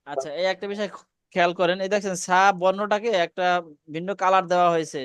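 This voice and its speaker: A man with a high, smooth and resonant voice teaches Arabic letter sounds over a video call. He speaks patiently, repeating each sound slowly so students can echo it. The sound is dry and close. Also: steady tone, fairly bright tone. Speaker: Quran teacher. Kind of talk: online class, pronunciation drill.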